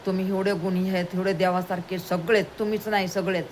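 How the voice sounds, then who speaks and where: A woman's voice: medium pitch, flat delivery, brisk, darkish tone, slight background noise, close to an everyday voice. A woman voicing a remorseful young servant woman in a told story, pleading anxiously for forgiveness.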